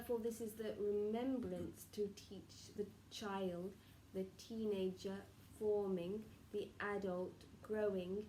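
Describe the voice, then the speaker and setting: A woman speaking as a seance medium in trance, voicing benevolent spirit guides with formal, halting, stilted phrasing and murmured pauses. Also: medium pitch, warm tone, close to an everyday voice. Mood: gentle, instructive. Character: solemn benevolent collective of spirit guides advising a client. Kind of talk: seance medium channelling, improvised spiritual counsel. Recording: roomy, distant mic with faint noise.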